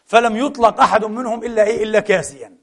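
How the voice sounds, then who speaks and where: Middle-aged male preacher, quick delivery, lively sermon mixing formal and colloquial speech. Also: sits high, gravelly. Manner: animated, switches between classical Arabic and colloquial asides, rhetorical questions. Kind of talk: Friday sermon to a congregation.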